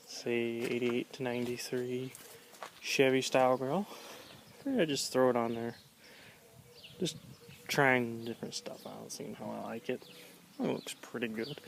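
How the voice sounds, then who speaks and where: A gravelly-voiced man chats outdoors in a low-key, offhand, colloquial way. He's a vlogger doing a casual walkaround show-and-tell of his pickup trucks, filmed on a noisy handheld camera.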